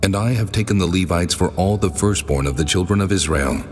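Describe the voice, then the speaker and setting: An actor as God, deep and cavernously echoing. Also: male voice. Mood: solemn, commanding. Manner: stately, measured, authoritative pronouncements. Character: God, solemn commanding male divine voice. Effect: long reverb. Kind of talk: dramatized scripture audio drama. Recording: long cavernous reverb, music underneath.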